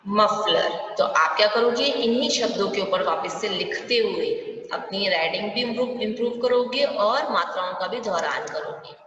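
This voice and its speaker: A woman teaching a primary school Hindi class online, patient, asking the children questions and answering them herself, and drawing words out slowly to show each sound. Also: mid-range voice, expressive, a bit bright. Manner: draws words out slowly when demonstrating sounds. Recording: echoey, distant, dull room sound with faint hiss.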